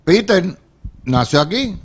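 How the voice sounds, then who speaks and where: A man's voice: high voice, husky. A middle-aged man, hosting a political panel discussion and often jumping in to steer the talk. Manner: lively, quick to interject and steer the talk. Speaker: panel show host.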